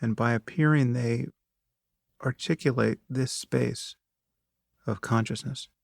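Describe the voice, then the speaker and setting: A man with a medium-pitched, creaky voice guides a meditation, giving calm instructions in a measured, unhurried manner with long pauses. The studio-quality recording has no echo.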